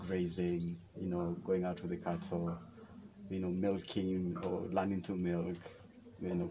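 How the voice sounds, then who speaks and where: A young Kenyan man talks outdoors on a veranda in a deep, low voice. He is reflective and halting, and often restarts his sentences. Faint insects and birds hum behind him. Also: mellow, poor audio. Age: young adult. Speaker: interview guest. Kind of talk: relaxed outdoor conversation. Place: shaded veranda by a wetland, outdoors.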